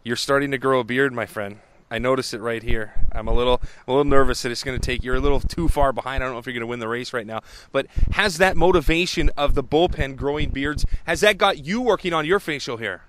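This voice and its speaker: A man's voice: mid-range voice, fast, hardly any pauses, fairly bright tone, a little hiss or hum. A man interviewing ballplayers, asking joking, teasing questions in a casual chat.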